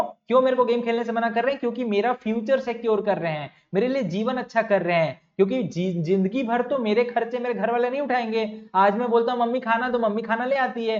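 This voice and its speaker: A young male teacher giving an exam-prep lecture, who repeats key words, asks the class questions and calls his students bhaiya and bachcha. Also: extremely high pitch. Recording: dull lo-fi sound.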